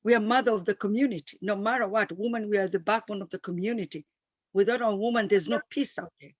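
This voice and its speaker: A woman's voice: medium pitch, fast talker, no echo. A woman in her fifties who grew up in East Africa, a guest entrepreneur talking with passion and repeating her points for emphasis. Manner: emphatic and repetitive, speaks with passion. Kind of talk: interview, enthusiastic storytelling.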